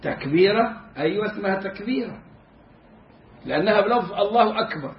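A man's voice: high voice, lively intonation, a little fast, roomy sound, lo-fi sound. A man with an Egyptian Arabic accent teaching a religious lesson, joking and stretching out words to show how they are pronounced. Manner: humorous, demonstrative, drawing out words to teach pronunciation. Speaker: Islamic jurisprudence teacher.

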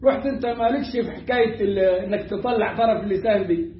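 A man with an Egyptian accent teaching Quran recitation, repeating words slowly to show how they are pronounced. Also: high voice, echoey room, highs cut off, slight background noise. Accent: Egyptian Arabic. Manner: demonstrates pronunciation by repeating words slowly, animated and emphatic. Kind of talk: Egyptian colloquial tajweed lesson.

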